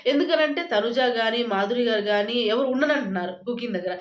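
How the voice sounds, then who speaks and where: A woman giving a chatty, casual recap of a reality show, retelling it quickly and full of fillers. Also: on the high side. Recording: roomy echo.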